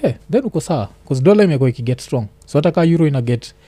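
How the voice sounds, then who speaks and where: A man's voice: a little high, expressive, very fast, mellow, breathy edge, no echo. A man with a Kenyan accent in a casual chat, slipping between slang and English and often repeating himself in agreement.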